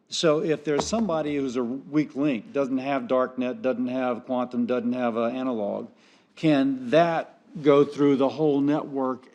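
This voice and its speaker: A man questioning a witness as a senator, conversational and quick to interrupt, with casual asides. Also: mid-range voice, darkish tone, lo-fi sound.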